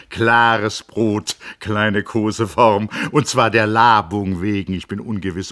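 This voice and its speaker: A man voicing a grand, commanding old man who speaks in solemn, emphatic, halting phrases that break off midway, in a literary audiobook reading. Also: lowish voice, pushed and bright, heavily acted.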